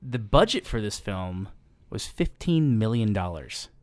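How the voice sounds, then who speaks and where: Unhurried, with big pitch swings and a darkish, lowish tone, a man recaps a movie on a casual podcast he co-hosts. He rambles, restarts often, fills gaps with ums and laughs easily, all captured in a dry recording.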